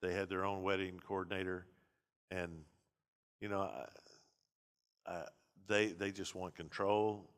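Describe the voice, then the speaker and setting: A man's voice: low voice, fairly even intonation, a little slow, long pauses. A man, a pastor teaching a seminary class in a blunt, conversational lecture with many restarts.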